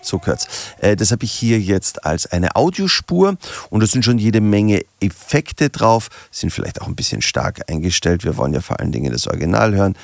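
A German man, a music producer, explaining audio software in a relaxed tutorial. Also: fairly low pitch, fairly quick, vocal fry, no echo.

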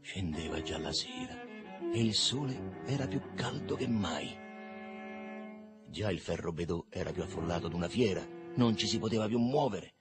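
A man reading a literary novel aloud in a lively, expressive way. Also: sits low, moderate pace, music in the background. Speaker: reader.

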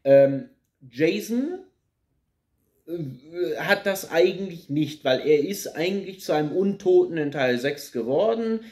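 A man's voice: a little high, expressive, slow pace, darkish tone. A man in his thirties giving a critical, ranting film review with many fillers and repeated words, seated on a sofa in a small plain room. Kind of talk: casual spoken film review.

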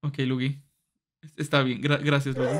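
A young man with a Mexican accent doing casual, joking let's-play commentary, excitable and swearing freely as he yells at the game. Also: medium pitch, moderate pace. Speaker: gaming streamer.

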